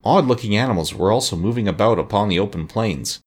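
A man reads a storybook aloud with a lowish, husky voice. His intonation moves freely, rising and falling a great deal. The pacing is measured and expressive. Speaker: narrator. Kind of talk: storybook narration.

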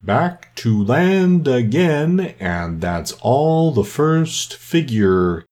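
A man voicing a weepy, sentimental sea turtle in a children's storybook, with slow, drawn-out, mournful delivery. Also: mid-range voice, sing-song, darkish tone, pitched above the performer's own voice. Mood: excited, plaintive.

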